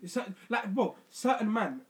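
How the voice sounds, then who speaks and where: A man's voice: high-pitched, very animated, normal speed. A young man with a London street accent, talking casually with friends as a co-host in roadman-style slang. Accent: London multicultural street slang. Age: young adult. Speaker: podcast co-host. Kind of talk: casual banter between friends.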